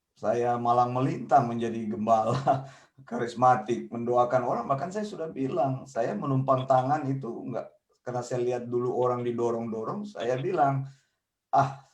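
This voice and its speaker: A middle-aged man teaching the Bible in a casual online discussion, telling anecdotes in a chatty way and laughing often. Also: medium pitch. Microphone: video call. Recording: roomy distant video-call audio.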